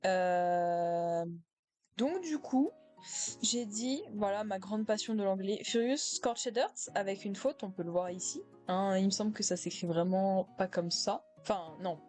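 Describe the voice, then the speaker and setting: A teenage girl in high school, casually reacting to her own old comments, self-mocking, with many fillers and laughs. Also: measured pace, dark tone, soft background music. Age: teens.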